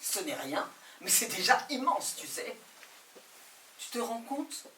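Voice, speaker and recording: A woman's voice: mid-range voice, sing-song, takes it slowly, sharp tone, a little hiss or hum. A woman performing an intense, theatrical poetic monologue, speaking directly to a listener. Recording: roomy and distant from the mic.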